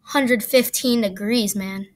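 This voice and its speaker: A woman's voice: medium pitch, takes it slowly. A woman giving sarcastic, dismissive commentary while reacting to a video.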